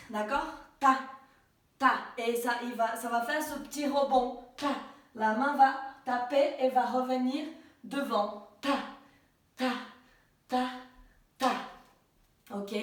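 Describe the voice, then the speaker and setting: A young woman teaching a dance step, patiently counting out the beats. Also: high voice. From Brazil. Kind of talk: dance tutorial. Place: dance studio. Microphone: far camera mic. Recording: echoey room from far off.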